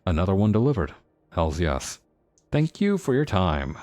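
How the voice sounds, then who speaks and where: A man's voice: deep voice, sing-song, normal speed, a little mellow. A man voicing a polite, matter-of-fact male cleric hero in a game. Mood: plain.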